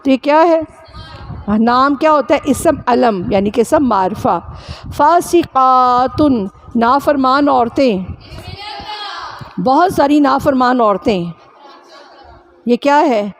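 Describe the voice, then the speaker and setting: High-voiced woman teacher drilling a class. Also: lively intonation. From Pakistan. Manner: drills students with repeated sounds and quick questions. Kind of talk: classroom grammar lesson.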